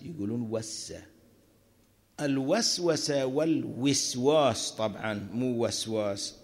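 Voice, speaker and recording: A man giving a religious lesson, explaining scripture in an unhurried, explanatory way. He mixes formal phrasing with everyday speech and his pitch jumps upward to stress key words. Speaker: Quran teacher.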